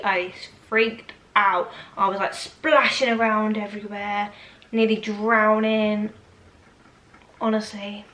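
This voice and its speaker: Casting: British female vlogger, twenties, informal rambling chat, mid-pitched voice, roomy echoing sound. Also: a bit bright. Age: 20s. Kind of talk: casual chatty Q&A to camera. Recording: echoey room, faint background noise.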